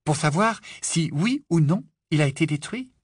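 A man's voice: fairly high pitch, lively intonation, normal speed, husky, no echo, studio quality, pitched above the performer's own voice. Hermione, a man voicing a nervous teenage witch. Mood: earnest. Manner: nervous, stammering, pleading. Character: anxious, studious teenage girl witch.

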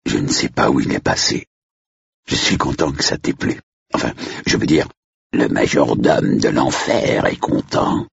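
A man doing a gentle old butler. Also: very deep voice, unhurried, gravelly, slightly rough, no echo, dull audio, heavily acted.

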